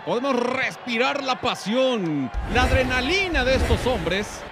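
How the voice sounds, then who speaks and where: Theatrical high-pitched Mexican wrestling commentator man. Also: very animated, a little slow, a crowd in the background. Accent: Mexican Spanish. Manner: florid, theatrical phrasing. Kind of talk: excited lucha libre commentary. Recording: noisy arena behind the voice.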